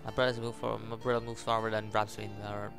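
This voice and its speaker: His voice is low-ish and gravelly, delivered flatly and fast. As a gaming video host doing relaxed playthrough commentary, he reads game text aloud and tosses in jokes, while video game music plays faintly beneath him.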